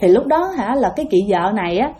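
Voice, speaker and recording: A woman's voice: medium pitch, lively intonation, fast, warm tone. A woman with a Southern Vietnamese accent tells a ghost story casually, often turning to address her listeners. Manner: chatty, addresses listeners, many fillers.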